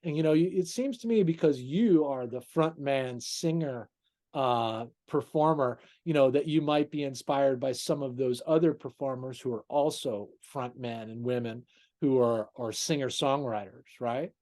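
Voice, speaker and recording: Effusive male host with a mellow voice. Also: mid-range voice, normal speed. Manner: effusive, calls guest "brother", many "you know"s. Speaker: interview host. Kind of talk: casual interview.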